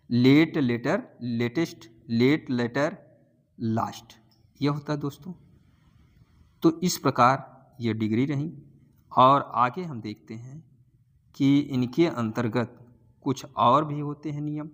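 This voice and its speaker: A man teaching an English grammar lesson, going through word forms slowly and repeating each one with its translation. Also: mid-range voice. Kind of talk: grammar lesson explaining to students.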